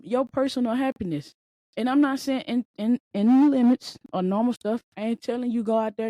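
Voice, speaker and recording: Her voice is a little high and mellow, and the audio is poor though free of room sound. She is a solo podcast host in her late twenties whose casual, emphatic, repetitive delivery feels like a pep talk.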